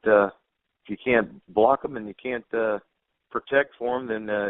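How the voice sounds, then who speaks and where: Male head coach, very low voice, dry phone-line sound, plainspoken q&a. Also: no echo. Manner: plainspoken, repeats words and restarts. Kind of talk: teleconference Q&A.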